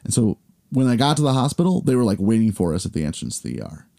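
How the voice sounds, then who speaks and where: A man in his forties, a podcast co-host, telling a long story in casual chat with lots of fillers, acting out the people he quotes in higher voices. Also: very animated, rapid-fire, gravelly, warm tone. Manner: rambling, filler-heavy storytelling.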